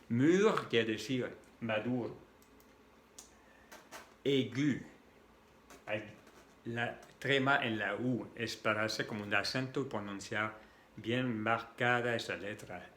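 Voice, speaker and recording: A man's voice: medium pitch, a bit bright, a little hiss or hum. A man whose first language is French, patiently explaining pronunciation to beginners and repeating each sound aloud. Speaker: French tutor.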